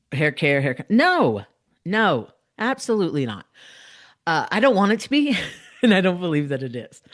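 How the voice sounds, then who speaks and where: A woman hosting a solo podcast, talking earnestly and emphatically to listeners, repeating phrases, with the slight lisp of someone wearing a dental retainer. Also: low voice. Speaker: podcast host.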